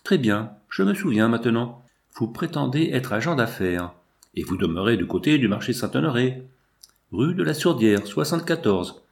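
A man's voice: mid-range voice, very animated, moderate pace, gravelly. Haughty rich male capitalist, curt and condescending, as read by a man. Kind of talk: audiobook character voice.

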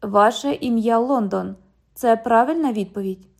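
A woman's voice: on the high side, normal speed, gravelly. Jack: a woman doing a stiff young cop. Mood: formal. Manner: formal, stiff, patient. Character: patient, formal young male police officer. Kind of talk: audiobook dialogue reading.

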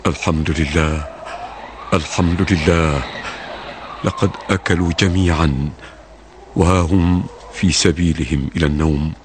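An actor playing a humble, gentle caliph who speaks softly and gravely in a radio drama. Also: male voice, sits low, fairly even intonation. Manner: soft-spoken, measured, grave. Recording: noisy old radio recording.

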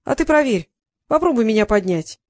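A woman's voice: on the high side, lively intonation, a little fast, a little mellow, no room sound, clean studio sound, lightly acted. A woman voicing a huge, vain male dragon who speaks grandly and a little bashfully. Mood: grandiose. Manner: grandiose, declaiming.

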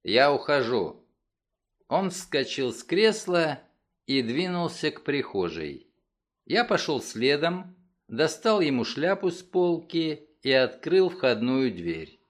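A man narrating a detective audiobook in a deliberate, expressive reading. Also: a little high. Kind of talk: scripted narration.

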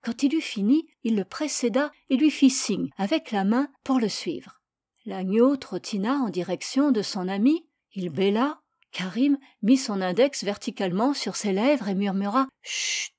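A woman reading a story aloud in a measured, expressive storytelling voice. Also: medium pitch. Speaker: narrator.

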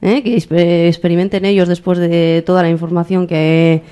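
A woman's voice: lowish voice, steady tone, moderate pace, mellow, clean tone. A woman hosting a casual community radio chat, teasing her guests. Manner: teasing, laughs often. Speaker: radio host. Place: radio studio.

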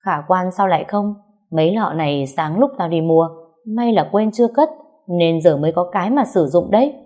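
A brash young woman friend, voiced by a woman reader, who scolds and teases without holding back. Her speech sits a little low, with a dark, mellow tone, and comes across like a bossy storybook sidekick. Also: expressive, moderate pace. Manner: scolding, blunt, teasing.

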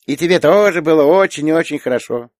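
A man's voice: fast, dry recording, clean studio sound, close to an everyday voice. A man reading an audiobook, voicing a cheerful, chatty little girl who keeps asking questions. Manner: eager, questioning, high childlike voice. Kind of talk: audiobook character voice.

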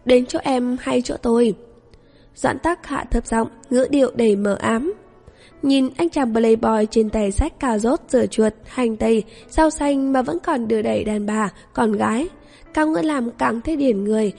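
A woman narrating a novel in steady, even audiobook storytelling. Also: on the high side, moderate pace, creaky. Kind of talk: scripted narration. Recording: long reverb, faint music.

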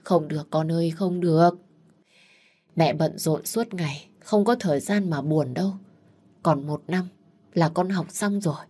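A woman's voice: low voice, measured pace, warm tone, slightly rough. A woman voicing a tired, grieving older mother who speaks firmly to her daughters. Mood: weary, firm. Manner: tired, firm, motherly scolding. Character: weary grieving widowed village mother.

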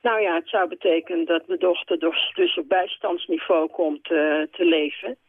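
A woman's voice: lowish voice, steady tone, moderate pace, slightly rough, dry recording. An older woman calling in to a radio show, talking hesitantly with many fillers. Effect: radio show caller on a phone line. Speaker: caller. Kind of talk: call-in radio question. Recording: tinny phone line.

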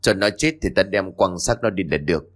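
A man's voice: low voice, brisk, lightly acted. A man voicing a callous, greedy lover who talks glibly and cockily in a spoken ghost story. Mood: cocky. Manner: glib, cocky.

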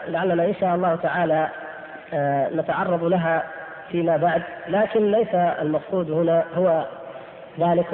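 High-voiced man teaching in echoey hall. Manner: explains step by step, repeating key phrases; addresses listeners as brothers. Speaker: religious teacher. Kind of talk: audio lecture on creed. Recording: tinny, echoey hall recording with faint hiss.

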